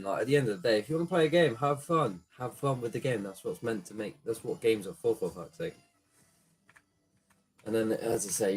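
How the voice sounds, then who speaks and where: A man's voice: on the low side, a little mellow, breathy edge, low-quality recording. A young man, a small gaming YouTuber, ranting casually to camera with lots of swearing and fillers. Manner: swears a lot, rambling with many fillers.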